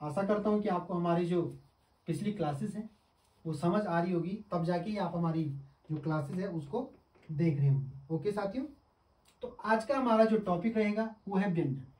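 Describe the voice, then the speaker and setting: A male teacher giving an exam-prep lesson, who asks the class questions, answers them himself and sounds out syllables slowly. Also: sits high, a little mellow. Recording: echoey room, mic at a distance.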